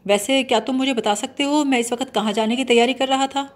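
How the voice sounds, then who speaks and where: A woman's voice: high voice, fairly even intonation, lightly acted. A woman reading the part of a bumbling, mock-serious young man who blusters and lectures pompously. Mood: lecturing.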